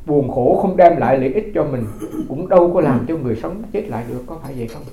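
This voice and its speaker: A man's voice: a little high, expressive, fast talker, warm tone, echoey room, rough recording. A man who is a Buddhist monk from Vietnam, giving a dharma talk as folksy storytelling, often repeating his words.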